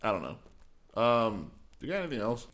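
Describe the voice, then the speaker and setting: A man's voice: fairly low pitch, big pitch swings, moderate pace, fairly bright tone. A man co-hosting a podcast, joking and laid-back in casual chat, with casual swearing. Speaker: podcast co-host.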